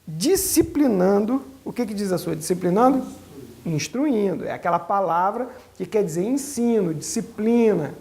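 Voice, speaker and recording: Pastor com voz rouca e arranhada. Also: male voice, high-pitched, normal speed. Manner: asks the audience many rhetorical questions; animated, colloquial preaching. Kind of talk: teaching sermon to church leaders.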